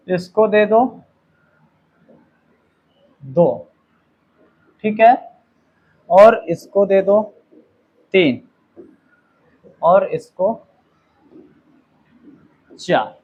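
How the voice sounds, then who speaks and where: Explaining grammar slowly, a high-voiced man reads his example sentences very clearly and adds an "okay" after each point to check in. The audio sounds narrow and tinny.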